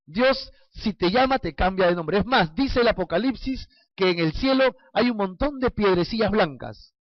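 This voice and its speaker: A man's voice: high voice, lively intonation, normal speed. A man preaching a sermon in a playful, storytelling way, asking his listeners questions. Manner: playful, acts out little scenes and asks the congregation questions. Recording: dull lo-fi sound, dry.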